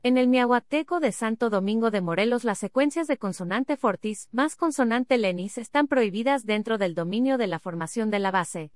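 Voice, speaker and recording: A woman's voice: fairly high pitch, lively intonation, normal speed, few pauses, dry recording. Woman reading an academic paper. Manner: reads symbols, figure captions and abbreviations literally.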